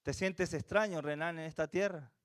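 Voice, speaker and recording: With a fairly high pitch and a clean tone, this man speaks at a moderate pace. He's from Venezuela and his accent has a slight Chilean touch. He delivers a church sermon full of earnest repetition and rhetorical questions.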